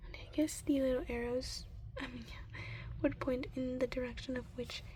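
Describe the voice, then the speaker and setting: Soft, high-voiced woman whispering a reading. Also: steady tone. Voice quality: soft, breathy voice, often sinking into a whisper. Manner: gentle, unhurried reading with murmured asides and stumbles over hard words. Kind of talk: soft-spoken ASMR reading from an anatomy book.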